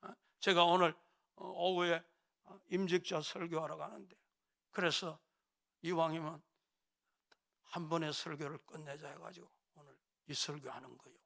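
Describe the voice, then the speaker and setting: A male pastor delivers a sermon in a church. His voice sits high and carries a gravelly edge with a sharp, bright tone. He talks emphatically and keeps nudging his listeners with questioning tags. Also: steady tone, normal speed, long pauses. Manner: emphatic, prodding the congregation with frequent "eh?" tags. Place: church sanctuary.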